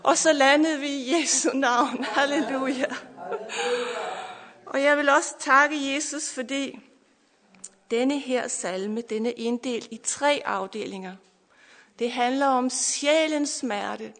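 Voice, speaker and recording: A middle-aged woman preaching with fervent emotion, her voice very high and bright. Her words ring out through a long hall reverb, and her voice at times breaks with tears between hallelujahs. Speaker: preacher giving testimony. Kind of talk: emotional Pentecostal sermon. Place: church or camp meeting hall.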